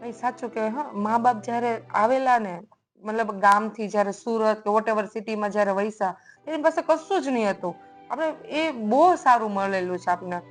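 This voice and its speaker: A woman's voice: on the high side, moderate pace, faint music behind. Chatty young woman podcast host. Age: young adult. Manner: agreeing, chatty, conversational. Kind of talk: casual podcast conversation.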